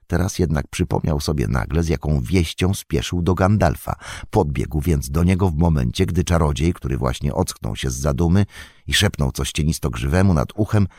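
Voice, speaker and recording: A man narrating an audiobook in calm, measured storytelling. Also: extremely low pitch, creaky, dry recording, clean studio sound. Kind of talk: scripted narration.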